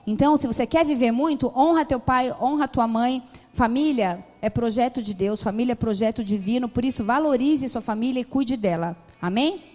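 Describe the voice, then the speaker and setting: A woman's voice: a little high, moderate pace, long reverb tail. A young adult Brazilian woman pastor preaching a sermon in church, telling stories animatedly and acting out family arguments. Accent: Brazilian Portuguese. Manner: animated storytelling, acts out family dialogue. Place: church hall.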